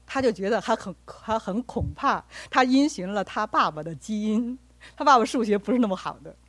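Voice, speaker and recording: Husky woman preaching earnestly. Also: mid-range voice, lively intonation, brisk, no room sound. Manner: earnest, acts out quoted dialogue. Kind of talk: sermon with personal stories.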